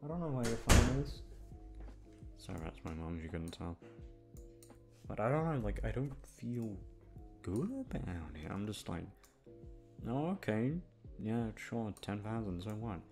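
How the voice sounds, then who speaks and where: This channel host and audio voice actor has a fairly low, darkish, expressive voice, speaking at a measured pace with long pauses. He chats casually with his audience, moaning downbeat complaints and cursing often, while soft music plays behind him.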